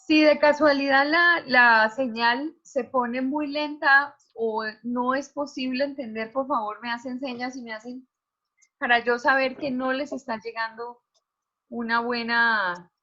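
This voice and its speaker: A woman's voice: high-pitched, fairly even intonation, measured pace, pushed and bright, lo-fi sound. A woman teacher giving an online class lecture over a video call, explaining ideas and asking students questions.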